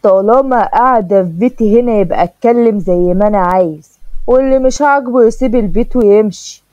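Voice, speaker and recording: A woman's voice: medium pitch, fairly quick, no echo, close to an everyday voice. A woman voicing a bossy, harsh middle-aged stepfather, in an Egyptian accent and a blunt, scolding manner. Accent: Egyptian Arabic. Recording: dull dry lo-fi recording.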